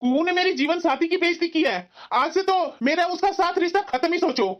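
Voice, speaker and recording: A woman's voice: very high voice, fairly quick. A woman voicing a stubborn adult son who firmly refuses to back down in a cartoon family drama. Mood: indignant. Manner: firm, insistent scolding. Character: adult son, stubborn and resentful toward his sister. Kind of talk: cartoon voice acting. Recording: dull lo-fi sound.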